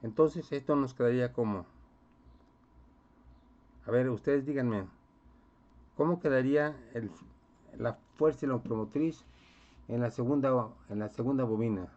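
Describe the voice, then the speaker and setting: A man's voice: medium pitch, a little slow, pauses often, a little mellow. A male physics teacher lectures step by step through a classroom lesson. He keeps checking in with his students and quizzing them as he goes. The recording sounds dull and muffled.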